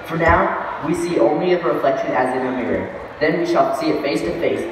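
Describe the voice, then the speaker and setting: A man's voice: fairly high pitch, fairly quick, lightly acted. A young man playing an earnest, preachy support-group leader in an amateur stage skit. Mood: preachy, instructive. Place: large event tent stage, distant camera. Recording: echoey tent stage from far off, faint noise.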